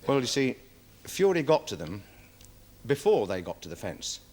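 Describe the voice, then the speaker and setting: An actor playing a nervous, deferential security guard testifying in a 1970s television courtroom drama, rambling with many fillers. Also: male voice, medium pitch, sing-song, moderate pace, a little mellow. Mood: worried, defensive. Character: nervous security guard witness, dog handler. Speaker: witness in court.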